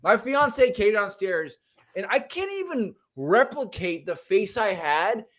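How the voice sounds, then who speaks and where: A young man co-hosting a fantasy football podcast over a remote call, talking in an animated, ranting way that bursts into loud shouts. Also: high-pitched, slow pace. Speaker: podcast co-host. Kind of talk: casual fantasy football chat.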